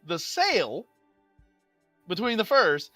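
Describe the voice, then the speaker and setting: A bright, lively game master narrates a tabletop session casually, with big swings in pitch. The delivery is animated and often breaks into laughter, close and dry over faint music. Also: slow pace, dry recording. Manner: animated, laughing as they talk.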